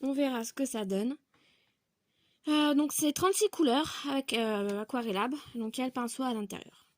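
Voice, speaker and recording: A woman with a slightly raised pitch talks through a casual haul video. She presents her new coloring supplies one by one. Her speech is loose and chatty, padded with small connecting words between points. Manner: chatty, fills pauses with donc and voilà. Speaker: vlogger showing coloring supply purchases.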